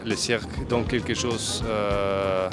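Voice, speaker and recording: Slow man over guitar. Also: on the low side, steady tone. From Argentina. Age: 30s. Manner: slow, searching for French words. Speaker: aerial cradle artist. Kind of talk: interview testimony. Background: guitar music.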